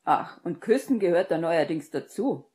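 A woman reading an audiobook and voicing a hot-headed young man in a loud, blunt, exasperated manner. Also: fairly low pitch, animated, moderate pace, natural voice.

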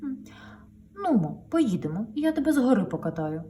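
A woman's voice: mid-range voice, sing-song, normal speed, warm tone, slight background noise, natural voice. A woman voicing an eager, bossy male truck from a storybook who honks, urges and coaxes, heard a little distant from the mic. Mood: coaxing. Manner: honking, urging, coaxing.

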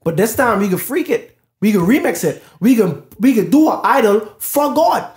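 Brief: male podcast co-host, loose animated Bible chat, "bro" in every other line, roomy echoey sound. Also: sits high, moderate pace. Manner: casual and animated, says "bro" constantly. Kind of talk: casual Bible discussion podcast.

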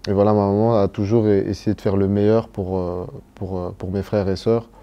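A man's voice: fairly low pitch, little pitch movement, a little fast, highs cut off. A young man from Cameroon, raised in Belgium, answering interview questions in a hesitant way, with many fillers and restarts. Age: young adult. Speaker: footballer being interviewed.

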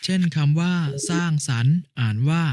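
A man's voice: a little high, moderate pace, a little mellow, no echo, studio quality, close to an everyday voice. A man playing a patient older brother who explains a lesson step by step in an educational cartoon.

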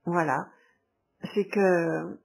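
Brief: a woman reading a tormented young man, halting, slow, breathy. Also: lowish voice, steady tone, pitched below the performer's own voice, full character voice, poor audio. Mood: strained. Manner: strained, halting. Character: troubled young man confessing love.

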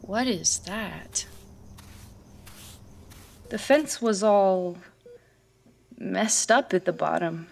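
A woman gives a full character voice, medium-pitched and darkish with vocal fry, in a horror audio drama featuring narration and acted scenes. With music under her, she plays a frightened woman who is searching for her dog and recounts a disturbing ordeal, her delivery halting, hesitant, and haunted.

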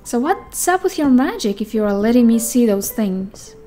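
A woman doing playful let's play commentary, excitable and given to exclaiming, reading game dialogue aloud. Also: on the high side, moderate pace. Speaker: gamer playing and commenting. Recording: game music behind the voice. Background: game music.

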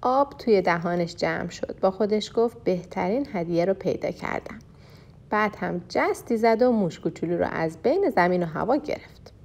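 Woman storyteller, lowish voice, gentle steady reading of a kids' tale. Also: vocal fry.

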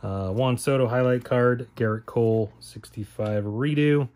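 A man's voice: medium pitch, a little slow, a little mellow. Rambling man opening trading cards. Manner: rambling, self-correcting, talks to himself while listing names. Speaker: card-opening channel host. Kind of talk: casual card-opening commentary.

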